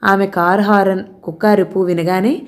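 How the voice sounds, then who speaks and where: A woman narrating a novel aloud in a steady, measured storytelling voice. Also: medium pitch.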